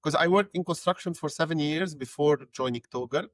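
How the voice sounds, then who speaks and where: A man's voice: on the high side, fairly quick, dry recording. A young adult man from Lebanon, a podcast guest speaking conversationally and often repeating words as he thinks. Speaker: guest, head of growth. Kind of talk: casual interview talk.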